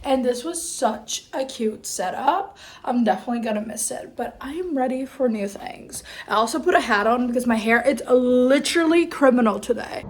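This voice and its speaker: A young woman vlogging to camera in a casual, chatty, expressive and informal way. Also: a little high, normal speed, few pauses. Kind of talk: casual vlog chat to camera. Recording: clear background noise, travel ambience.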